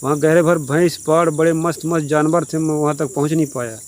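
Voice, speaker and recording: A sly young village trickster, as a man puts him on in a folk tale, talking in a bragging, offhand way. His voice sits a little higher than usual and sounds pleased with himself. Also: steady tone, fairly quick, lightly acted. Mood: scheming. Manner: boastful, offhand. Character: crafty cheerful village man, youngest brother.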